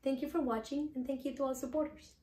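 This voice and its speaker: A woman reading a children's picture book aloud as storyteller, gentle and expressive. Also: high voice, quick pace, echoey room.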